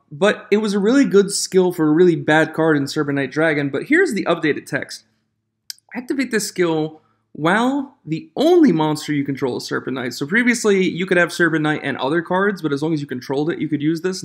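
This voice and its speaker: A man's voice: fairly high pitch, gravelly. A man hosting his own channel, chatting casually about rule changes in an echoey room away from his usual studio, on a different microphone, reading rule text aloud and getting worked up. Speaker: channel host. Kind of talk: casual commentary reviewing game rule changes.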